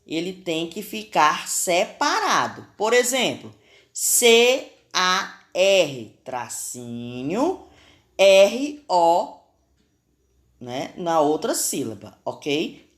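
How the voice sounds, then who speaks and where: A woman teacher with a Brazilian Portuguese accent records a spelling lesson for children, carefully sounding out letters and syllables. Her voice is on the low side and very animated, and she draws her words out.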